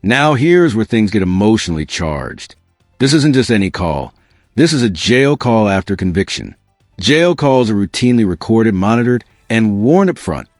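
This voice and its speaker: A man's voice: on the low side, very animated, moderate pace, no room sound, faint music behind. A man narrating scripted legal commentary, punchy and dramatic, addressing viewers directly.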